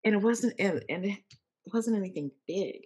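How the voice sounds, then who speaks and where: A woman's voice: mid-range voice, lively intonation, moderate pace, a little mellow, breathy edge. A woman coach hosting an interview, encouraging and repeating key phrases for emphasis. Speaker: life coach and podcast host.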